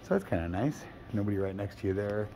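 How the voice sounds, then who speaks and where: A real estate agent walks through a condo, briefly stepping outdoors, giving a casual, off-the-cuff tour as if thinking aloud. He's low-key and matter-of-fact yet animated and fast-talking. It's recorded on a handheld phone at arm's length, with background noise.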